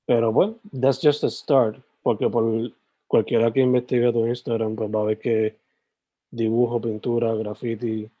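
A man's voice: medium pitch, level tone, moderate pace. A man interviewing casually, switching back and forth between Spanish and English as he asks questions. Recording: slightly dull, lo-fi sound.

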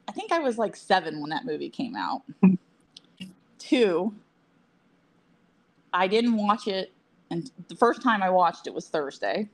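A woman co-hosting a casual podcast, chatty and quick to laugh, with self-deprecating asides. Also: mid-range voice. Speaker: podcast co-host.

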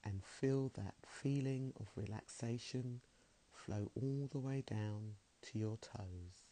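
A man leading a guided meditation in a slow, soothing, soft-spoken way. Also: medium pitch.

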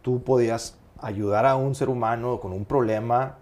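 Man, middle-aged surgeon guest, easygoing rambling anecdotes, mid-pitched voice. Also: fairly even intonation, moderate pace, darkish tone. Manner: rambling storyteller with frequent fillers. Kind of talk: casual podcast interview.

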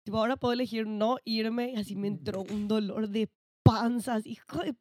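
A woman's voice: a little high, no room sound, clean studio sound. A young woman with an Argentine accent, telling stories animatedly in casual podcast chat. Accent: Argentine Spanish. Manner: animated storyteller, quick and expressive. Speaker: podcast co-host.

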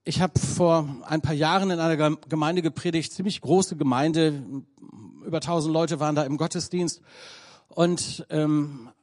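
A man preaches a sermon in German at normal speed, his voice a little high. He tells a story with a conversational touch, turning lively at some moments and hushed at others.

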